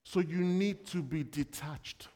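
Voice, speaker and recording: A man's voice: on the high side, slow pace, mellow, long reverb tail. A man giving a sermon in a conversational way, telling everyday stories and asking the congregation questions. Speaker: preacher.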